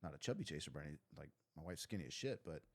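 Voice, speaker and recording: A man's voice: expressive, very fast, creaky. A man co-hosting a podcast, talking bluntly and profanely in casual banter. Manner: blunt and profane, bursts into high-pitched impressions. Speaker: podcast co-host.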